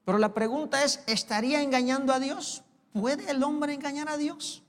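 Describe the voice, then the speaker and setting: A man preaching a sermon as pastor, asking slow rhetorical questions of the congregation. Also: very high-pitched, fairly even intonation. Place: church sanctuary. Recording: long hall reverb, live church recording.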